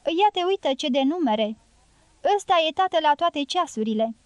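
A woman's voice: high-pitched, animated, no echo, pitched above the performer's own voice. A talkative, teasing guerrilla man, as a woman reader puts him on, carried in a voice lifted well above her own. The sound is close and dry, with no room around it. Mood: mocking, voluble. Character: joking, fearful Romani man, a guerrilla fighter.

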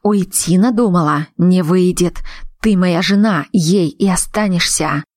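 A woman voicing a jealous, violent young husband who speaks slowly and coldly. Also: lowish voice, a little mellow, no echo, studio quality. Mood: furious. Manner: slow, cold and threatening.

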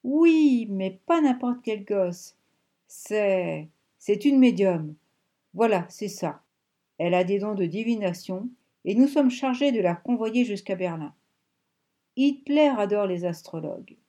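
A woman's voice: mid-range voice, expressive, measured pace, warm tone, close to an everyday voice. A woman reading an audiobook, voicing a scheming old German ex-soldier in an urgent, raised tone. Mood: excited.

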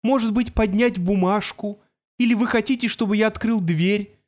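A man voicing an ancient, gloomy male robot in an audiobook, with a creaky, grating voice and a slow, moaning, self-pitying drawl. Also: sits high, steady tone, a little mellow, voice pushed up, lightly acted. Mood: mournful. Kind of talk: audiobook character voice.

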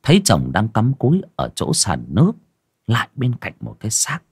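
A man narrating a horror audiobook in a dramatic, expressive reading. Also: fairly low pitch, normal speed, gravelly, breathy edge, no echo, studio quality. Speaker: storyteller.

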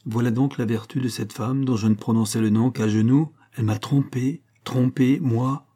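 A man's voice: mid-range voice, steady tone, moderate pace, warm tone, close to an everyday voice. A man reading an audiobook who voices a jealous king bitterly accusing his wife.

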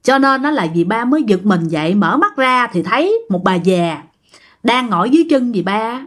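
A woman's voice: on the high side, expressive, moderate pace, a bit bright. A woman with a Southern Vietnamese accent narrating a ghost story in a chatty way, talking straight to her listeners. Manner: chatty, addresses listeners directly.

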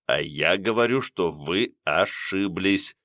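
A man's voice: low voice, normal speed, a bit bright, dry recording, clean studio sound. A man voicing a stern plainclothes policeman who speaks in short, curt commands. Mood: stern, low.

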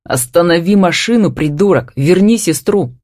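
A woman's voice: on the low side, expressive, normal speed, dry recording, clean studio sound. A woman playing a bossy, furious older brother. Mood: irate. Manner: shouting, bossy.

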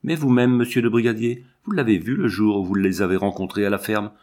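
A man's voice: on the low side, steady tone, fairly quick, darkish tone, close to an everyday voice. A man reading aloud, voicing an earnest young boy who insists with a policeman. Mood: insistent. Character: earnest young boy, eldest of three children.

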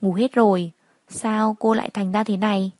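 Give me a kindly middle-aged housemaid who fusses and frets with warm sympathy, voiced by a woman storyteller. Her worry comes through in every line, and the sound is dry and close. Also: mid-range voice, flat delivery, moderate pace, dry recording, close to an everyday voice. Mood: worried. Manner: fussing, sympathetic.

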